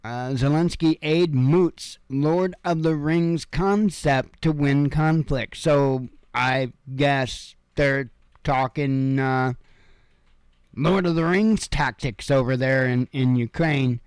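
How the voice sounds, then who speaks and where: A man's voice: mid-range voice, slow pace, a little mellow, clean tone, no echo. A man from Illinois casually reading news headlines at home and adding rambling, offhand asides full of fillers. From Illinois, USA. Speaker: news commentary host. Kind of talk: casual headline read-through with commentary. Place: home room.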